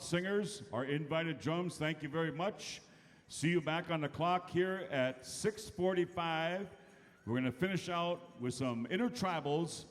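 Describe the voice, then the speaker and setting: High-pitched male powwow emcee in booming arena. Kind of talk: live event announcing over a PA. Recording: echoey arena PA, long reverb, loud music.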